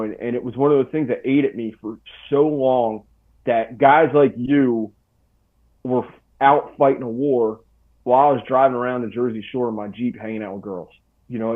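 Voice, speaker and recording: A man in his forties, a podcast guest, telling a story in a casual, slangy way. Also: medium pitch. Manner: laid-back, slangy, full of "dude" and "bro". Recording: tinny phone-like line.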